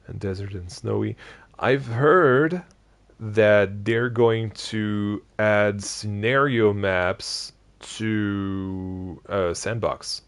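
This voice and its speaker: Man, very low voice, casual live-stream chat, sleepy, rambling with fillers. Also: extremely slow. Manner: rambling, many restarts and fillers, chatting with viewers. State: sleepy, yawning.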